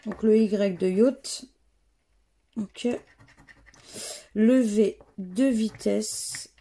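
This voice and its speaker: A woman's voice: medium pitch, dark tone. A woman with a French accent casually commenting as she scratches lottery tickets, reading letters out one by one in a murmur. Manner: slow, murmured, reads letters aloud one by one. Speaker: scratch-card vlogger.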